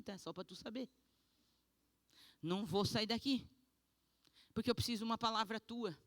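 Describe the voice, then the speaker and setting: A woman pastor from Brazil giving an animated, emotional testimony sermon. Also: mid-range voice, no echo.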